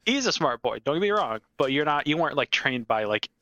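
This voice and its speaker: Male game master, casual and filler-heavy; bright, dry close-up sound. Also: mid-range voice, big pitch swings, fast, dry recording, muffled recording. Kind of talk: narrating a tabletop game.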